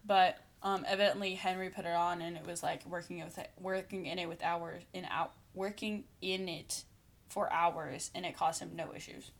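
A woman's voice: fairly low pitch, steady tone, moderate pace, creaky. A woman co-hosting a casual podcast, talking enthusiastically with many fillers. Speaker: podcast co-host. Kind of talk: casual chat about a TV show.

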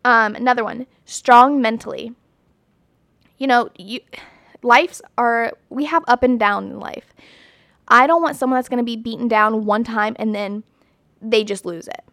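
Chatty, blunt young woman, slightly high voice. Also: measured pace, a bit bright, no room sound, clean studio sound. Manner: chatty and emphatic, many "like"s and "you know"s; blunt and opinionated. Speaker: vlogger. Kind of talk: casual talk to camera.

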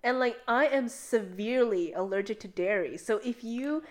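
A young woman co-hosts a podcast, chatting casually and telling stories animatedly while leaning heavily on "like." Her voice sits a little high, and she talks at a moderate pace.

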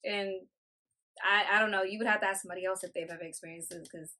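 A woman's voice: mid-range voice, fairly even intonation, fast, bright, forceful tone. A young woman co-hosting a casual podcast, speaking emphatically with lots of "like" and "um". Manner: casual, emphatic, filler-heavy. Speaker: podcast co-host. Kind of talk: casual chat.

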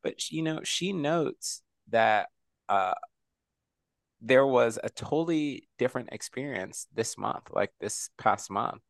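A man co-hosting a podcast, talking in a thoughtful, measured, somewhat halting way. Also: mid-range voice, lively intonation, creaky, no echo. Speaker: podcast co-host. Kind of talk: casual chat.

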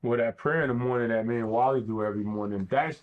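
A man speaking as a guest in a reflective conversation, earnest and thoughtful, pausing as he searches for words. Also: mid-range voice, narrow, tinny audio.

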